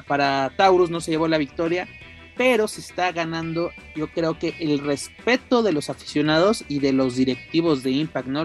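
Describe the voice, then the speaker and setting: Mexican male podcast host, high voice, lucha libre announcer delivery, ceremonious, music behind. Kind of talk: lucha libre announcer-style show presenting.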